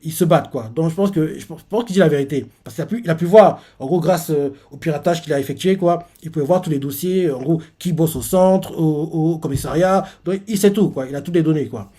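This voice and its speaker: A man's voice: on the high side, brisk, few pauses, mellow. A man hosting a live reaction, retelling a manga chapter in a rambling way full of fillers.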